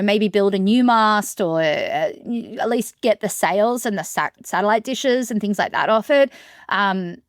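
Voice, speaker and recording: Smooth-voiced woman calmly recounting. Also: medium pitch, no room sound, clean studio sound. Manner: steady, matter-of-fact storytelling. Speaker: solo sailor guest. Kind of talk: recounting an ordeal in an interview.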